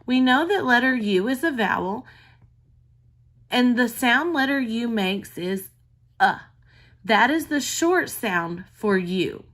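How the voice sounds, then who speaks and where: Slow-paced woman teaching reading to small children. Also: fairly high pitch, fairly bright tone. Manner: careful enunciation, sounding out words. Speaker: kindergarten teacher. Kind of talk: recorded reading lesson for young children.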